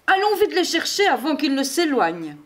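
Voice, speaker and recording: A woman reading aloud, voicing a helpful fox who briskly urges Santa to hurry. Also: high-pitched, very animated, voice pushed up. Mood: urging. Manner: brisk and urging. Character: helpful, urging forest fox.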